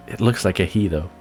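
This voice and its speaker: A male gaming streamer giving casual let's play commentary. His voice swings widely in pitch, he laughs and swears a lot, and faint game music runs underneath. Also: a little mellow. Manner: laughing, profane banter.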